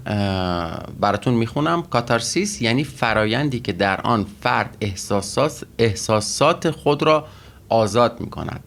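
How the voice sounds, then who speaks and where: A man teaching Russian vocabulary and grammar in a methodical way, pausing often with fillers as he explains each word. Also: lowish voice, creaky, a bit bright. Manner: methodical, with frequent pauses and fillers.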